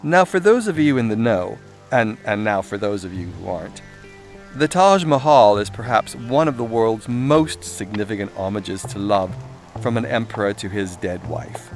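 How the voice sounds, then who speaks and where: This man's mid-range voice carries vocal fry as he narrates his own irreverent self-help audiobook. The reading is conversational, cheeky, and theatrical, peppered with sweary asides. Composed music and soundscape play in the background under his voice.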